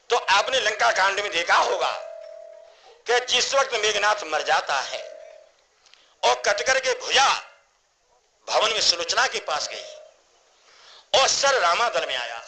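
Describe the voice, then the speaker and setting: A middle-aged man narrates a devotional katha in a strikingly high, piercingly bright voice. He speaks slowly and declaims, repeating lines for weight, while faint music plays underneath. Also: a little hiss or hum, rough recording. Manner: declamatory, repeats phrases for emphasis.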